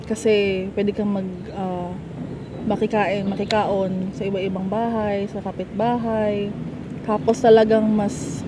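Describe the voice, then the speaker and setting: A woman's voice: medium pitch, level tone, takes it slowly. A Filipino woman co-hosting a casual mukbang chat and asking questions. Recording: clearly noisy background hum and traffic.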